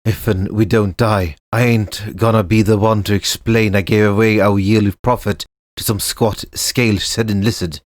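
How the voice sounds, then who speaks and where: A man voicing a gruff, skeptical townsman shopkeeper who talks bluntly and mockingly in rustic speech. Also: lowish voice, fairly even intonation, normal speed, few pauses, no echo, lightly acted.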